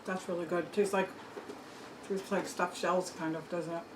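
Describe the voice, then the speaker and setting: A woman's voice: on the low side, flat delivery, moderate pace, recorded from a distance. A woman hosting a casual home cooking vlog, chatting to viewers about the food she made. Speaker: cooking channel host. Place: home kitchen and dining table. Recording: echoey room with clear background noise.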